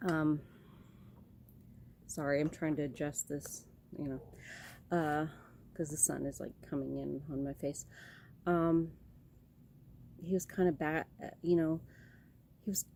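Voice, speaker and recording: Talking to her camera about her life, this woman from California in her late forties rambles casually, full of ums and restarts. Her voice is low with a dark tone, and there's slight background noise.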